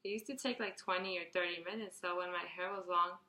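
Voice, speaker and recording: Young woman, early twenties, vlogger answering a Q&A, bright chatty tone, echoey room. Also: on the low side, steady tone, fast. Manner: chatty, rambling, restarts and fillers, reads questions out brightly. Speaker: beauty vlogger. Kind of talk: casual Q&A tag video.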